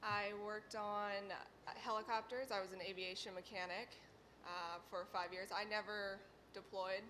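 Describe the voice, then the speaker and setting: A woman's voice: mid-range voice, fairly even intonation, measured pace, pushed and bright, poor audio. A woman in her twenties answering as a panelist in a plain, casual way. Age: 20s. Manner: plain and casual, laughs easily. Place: conference hall. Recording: room noise in background.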